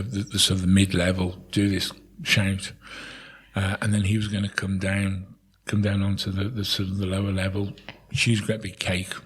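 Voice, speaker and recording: A man's voice: lowish voice, breathy edge. A middle-aged man, a town crier being interviewed, telling anecdotes in a casual, chatty way and often repeating words as he goes.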